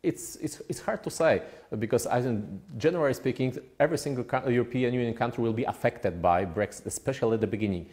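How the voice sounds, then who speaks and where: A man with a Polish accent giving formal interview answers in a deliberate, diplomatic way with hesitant phrasing. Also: mid-range voice, a little mellow. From Poland. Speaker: ambassador, interview guest.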